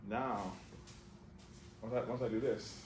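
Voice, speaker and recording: In a big gym, a man coaches judo hands-on, barking short commands and repeating cues. His voice sits on the low side, a little mellow, with fairly even intonation and an unhurried pace. A camera on the floor picks him up, and the gym is echoey with background noise.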